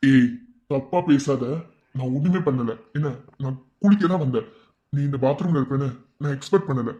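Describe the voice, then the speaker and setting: A man's voice: mid-range voice, brisk, dark tone, dull audio, lightly acted. A man voicing an accused young husband in a cartoon, with a Madurai Tamil accent and curt, protesting denials.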